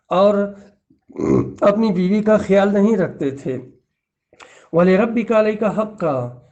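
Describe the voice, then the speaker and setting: High-pitched male preacher with an earnest, admonishing delivery, captured on a dull lo-fi recording. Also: a little mellow. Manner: earnest, admonishing, repeats lists. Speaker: Islamic preacher. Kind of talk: religious lecture in numbered points.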